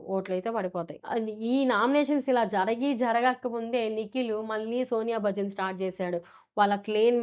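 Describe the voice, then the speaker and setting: Opinionated woman reviewing a reality show. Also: on the high side. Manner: animated, sharply critical, quotes contestants in her own voice. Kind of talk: opinionated episode commentary.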